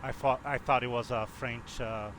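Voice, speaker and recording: A man with a mid-pitched voice chats casually and hesitantly as he streams a flight simulator. Clear droning noise sits behind him. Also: steady tone, moderate pace. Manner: hesitant, trailing phrases. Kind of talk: casual, unscripted commentary.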